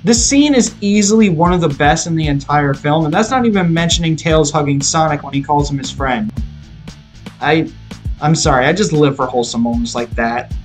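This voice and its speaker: Over background music, a video reviewer with a slightly high voice and ordinary pace delivers a scripted movie review, explaining his views and stating strong opinions.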